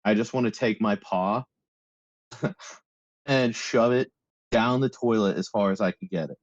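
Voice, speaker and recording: A man's voice: on the low side, a little slow, no echo, highs cut off. A man playing in a tabletop game, chatting casually and joking. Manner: joking, laughs often. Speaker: player.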